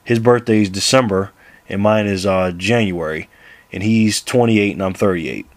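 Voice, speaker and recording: Low-voiced man in his thirties, laughing often. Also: normal speed, no echo. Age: 30s. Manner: laughs often, rambling with restarts. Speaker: basketball vlogger. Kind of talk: casual to-camera rant.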